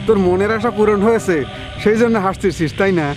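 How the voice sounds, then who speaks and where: A man's voice: high voice, fast talker, over music, natural voice. An actor playing a man scolding his wife for laughing. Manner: scolding, reproachful.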